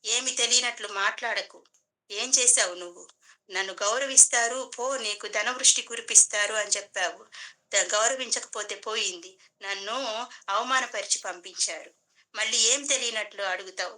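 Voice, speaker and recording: A woman's voice: medium pitch, pushed and bright. A woman voicing an angry poor male temple priest who accuses sharply in a devotional story.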